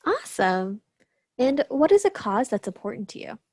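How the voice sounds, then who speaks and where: A woman conducts an interview in a somewhat high voice with a husky edge. Her pitch moves in a lively way as she asks prepared questions. Between them she gives short, casual, affirming responses. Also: normal speed. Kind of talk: scripted interview questions with brief casual reactions.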